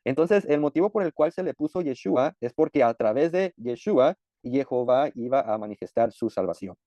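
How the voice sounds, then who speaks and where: A man teaching a sermon-style Bible lesson, explaining patiently frequent "eh" pauses. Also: mid-range voice, lively intonation, mellow, dry recording, highs cut off.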